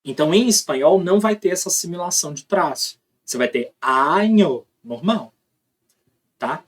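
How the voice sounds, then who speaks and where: A man's voice: a little high, animated, moderate pace. A man with a Brazilian Portuguese accent teaching a recorded phonology lesson, explaining step by step, sounding out examples aloud and checking in with tag questions. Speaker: linguistics teacher.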